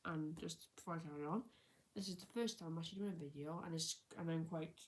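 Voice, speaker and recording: Low-pitched and quick, the young woman's voice carries an off-the-cuff vlog story from her own life, marked by frequent restarts and corrections. She's in her early twenties, filmed from a slightly distant camera.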